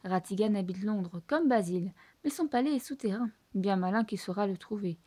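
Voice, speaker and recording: A woman reading a children's book aloud in French with lively, expressive storytelling. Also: mid-range voice, fairly quick, dry recording. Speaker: storybook reader.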